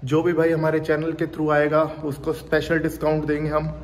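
A man's voice: a little high, completely flat delivery, brisk. A young man gives a casual walkthrough of his gym, chatting to viewers as brother and filming on a phone at arm's length. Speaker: gym owner and fitness vlogger. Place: large indoor gym. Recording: reverberant gym hall with faint ambient noise.

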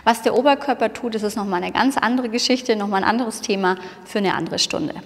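A woman's voice: on the high side, quick pace. A woman teaching a hip movement class, counting and cueing each move with encouraging words. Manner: encouraging, counts and cues the moves, often says "wonderful". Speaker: dance instructor. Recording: long hall reverb.

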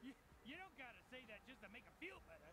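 A vain, petty talking alien door from a video game. The voice is high for a man, cocky and blunt, always ready to bicker, over game noise. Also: very animated, fast talker, gravelly, full character voice.

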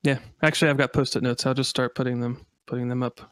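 A man co-hosting a casual gaming podcast, playful and upbeat as he reads out subscriber shout-outs and riffs on jokes. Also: medium pitch, level tone, quick pace, smooth, no room sound. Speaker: podcast co-host.

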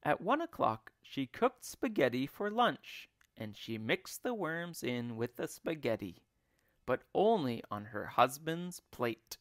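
A man who teaches English, reading a children's book aloud in an expressive, deliberate way. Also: medium pitch, no echo, studio quality. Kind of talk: children's read-aloud storytelling.

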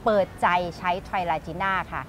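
A woman in her fifties, a show host, making a chatty and persuasive sales pitch that keeps repeating its key points. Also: moderate pace, slight background noise. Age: 50s.

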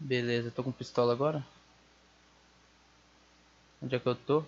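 This gamer's voice is medium-pitched and steady, moderately paced, with vocal fry. He's doing a laid-back but jumpy let's-play of a horror game, slinging slang back at it, recorded at home with a slightly dull sound and faint noise.

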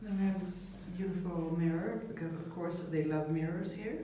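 A woman's voice: lowish voice, moderate pace, a little hiss or hum. Young woman, casual vlogger, dry playful humor; recorded roomy and dull. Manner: playful, dryly teasing. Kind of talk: casual travel vlog chat. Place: holiday apartment indoors, then outdoors in a windy forest. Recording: roomy, distant, dull camera audio.

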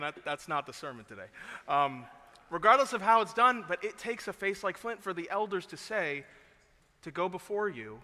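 Man preaching with a bright voice in an echoing hall. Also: high-pitched. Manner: swings between quiet earnest talk and loud emphatic preaching. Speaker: pastor. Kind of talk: sermon. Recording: long hall reverb.

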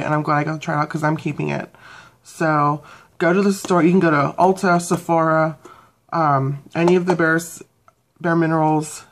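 A young woman giving a casual beauty product review, rambling with fillers and self-corrections. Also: low-pitched. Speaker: beauty vlogger.

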